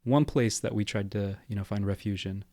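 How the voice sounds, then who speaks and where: Podcast guest, man in his twenties, measured and reflective, fairly low pitch, little melody. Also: no echo, clean studio sound. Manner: reflective, steady, explanatory. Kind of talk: casual interview talk.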